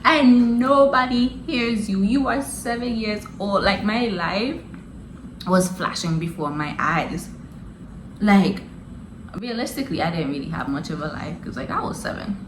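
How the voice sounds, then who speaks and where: A young woman tells a story with a lively, swooping pitch, all slang and frequent laughter. Her voice echoes around a roomy space. A faint hiss sits under the recording. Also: moderate pace. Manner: animated, slangy, laughing often. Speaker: vlogger. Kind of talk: casual storytelling.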